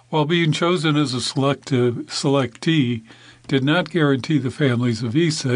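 A man reading a news article in a measured, even scripted narration, with the odd small slip. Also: mid-range voice, no echo.

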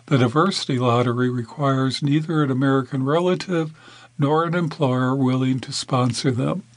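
A man reading a news article in a measured, even scripted narration, with the odd small slip. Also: mid-range voice, dry recording.

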